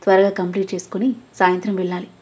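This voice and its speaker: A quiet, protective elder brother in a storybook reading, voiced by a woman. He speaks softly and reassuringly through a husky, breathy tone at a middling pitch. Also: monotone, rapid-fire, lightly acted. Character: calm protective elder brother, adult man.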